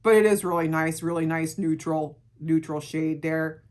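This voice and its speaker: A middle-aged woman with a gravelly voice, chatting casually through a beauty product review and repeating words for emphasis. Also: low-pitched, steady tone, moderate pace, a little mellow. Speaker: beauty vlogger.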